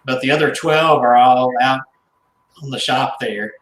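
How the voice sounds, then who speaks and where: A man telling stories in loose radio chat, halting and restarting with small chuckles. His voice sits at an ordinary middle pitch. It rings a bit in an echoey room with a faint hiss behind it. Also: fairly bright tone. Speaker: guest, haunted doll collector and author. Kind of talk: casual storytelling in radio chat.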